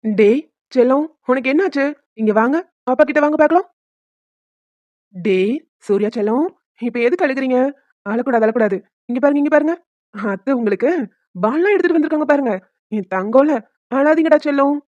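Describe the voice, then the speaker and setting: Young cartoon dad in a rush, woman doing him, talks fast, dry close sound. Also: sits high, expressive, darkish tone, dry recording, highs cut off. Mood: earnest. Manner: quick, earnest, soothing with the baby. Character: young caring father leaving for work. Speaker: cartoon voice actor. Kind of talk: homemade cartoon dubbing.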